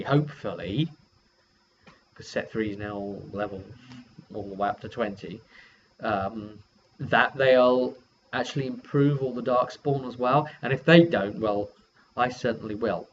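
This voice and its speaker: This game master, speaking at medium pitch and a measured pace, loosely walks through what happened in a session, performing the players' reactions along the way. The audio is muffled and lo-fi, with hiss in the background.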